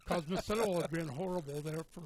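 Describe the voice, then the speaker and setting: A man's voice: on the high side, fast talker, darkish tone, rough recording. An older man, a local sports radio commentator telling a long, meandering story in a folksy way and correcting himself as he goes. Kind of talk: rambling storytelling on a sports broadcast.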